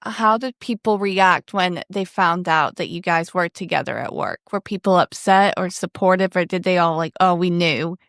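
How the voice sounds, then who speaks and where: A woman's voice: fairly low pitch, normal speed, few pauses, a bit bright, no room sound, studio quality. A woman host asking a guest short, curious questions in an interview.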